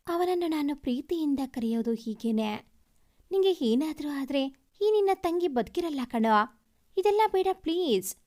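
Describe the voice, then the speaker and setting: High, expressive woman reading a story. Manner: heartfelt and expressive, reads with feeling. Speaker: story reader. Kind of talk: emotional first-person story narration.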